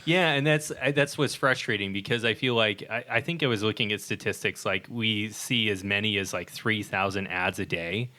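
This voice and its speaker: A man co-hosting a casual podcast discussion, his voice a little low and bright in tone. He rambles through his points with fillers and restarts. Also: moderate pace, few pauses. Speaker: podcast co-host.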